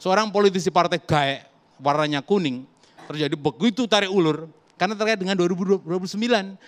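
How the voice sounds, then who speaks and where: A man's voice: high-pitched, fairly quick. A man arguing emphatically as a guest commentator on a political talk show. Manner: emphatic, lively argumentative.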